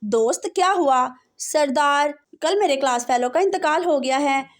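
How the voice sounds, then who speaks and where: A woman's voice: high-pitched, animated, unhurried. A woman reading out a string of short jokes, with a laugh track between punchlines. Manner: punchlines followed by canned laughter. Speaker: joke teller.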